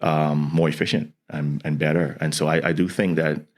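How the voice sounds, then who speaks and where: An environmental scientist and educator from the Bahamas speaks as a guest in a conversational interview, his voice extremely low with little pitch movement and a moderate pace. He talks earnestly, often restarting his sentences and saying "you know."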